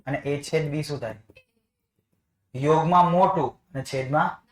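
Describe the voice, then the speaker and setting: A man leads a math class, asking the same questions again and again to coax answers from his students. His voice sits a touch high for a man, and the classroom around him rings with echo. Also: measured pace. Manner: coaxing, repeats questions to students. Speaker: math teacher. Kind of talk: classroom lesson.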